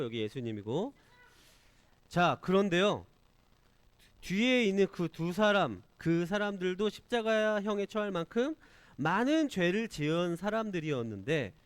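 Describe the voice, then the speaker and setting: A man's voice: high-pitched, dry recording. A man giving a children's sermon at church, often asking the kids questions. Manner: asks children questions, lively and expressive. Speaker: children's ministry preacher. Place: church classroom.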